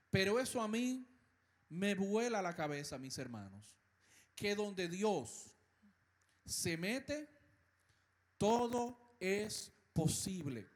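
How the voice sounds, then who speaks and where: Slow, animated Dominican preacher, high-pitched man. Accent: Dominican Spanish. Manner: slow, emphatic preaching with dramatic pauses and soft, hushed passages. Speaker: pastor. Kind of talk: sermon.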